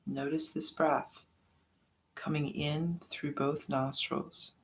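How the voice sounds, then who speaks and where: A meditation guide speaks softly and slowly through breathing instructions, leaving long pauses between phrases. The voice sits at a medium pitch with little variation, and the recording quality is poor.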